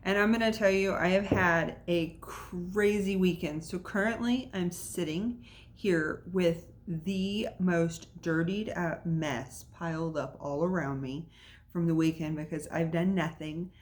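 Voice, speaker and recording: A woman's voice: on the low side, unhurried. Chatty woman hosting a devotional talk. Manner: chatty and encouraging, many fillers. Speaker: podcast host. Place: at home by an open window.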